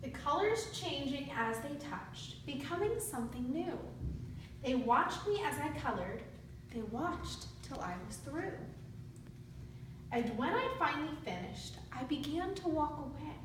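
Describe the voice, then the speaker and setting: This student teacher reading to young children speaks a little slowly in a high, expressive voice, using simple instructional language and asking them questions. A distant mic captures her in a very echoey room, with faint background noise.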